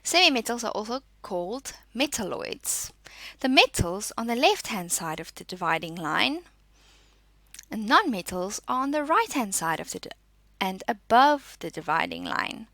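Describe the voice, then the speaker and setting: Teaching school science at a measured pace, a woman reads her notes and walks through exercises, asking questions and then answering them. Her medium-pitched voice is bright, with lively, varied intonation and a creaky edge, and the sound is close and dry.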